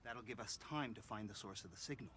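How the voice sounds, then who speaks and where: An actor playing an earnest male survivor scientist in a video game, calmly explaining a technical plan. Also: on the low side, fast, a little hiss or hum. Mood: calm planning.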